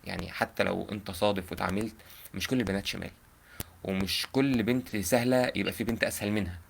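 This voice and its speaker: A man's voice: sits low, steady tone, fast, vocal fry, a little hiss or hum. A young man with an Egyptian accent giving earnest, informal advice on a live call. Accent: Egyptian Arabic. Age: young adult. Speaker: prank caller giving advice.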